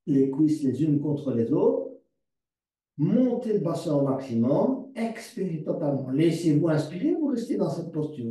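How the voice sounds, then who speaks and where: Male yoga instructor, slightly high voice, calm repetitive cueing, distant mic. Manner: calm step-by-step cueing, repeats words slowly. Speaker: yoga teacher. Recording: distant mic in a very echoey room.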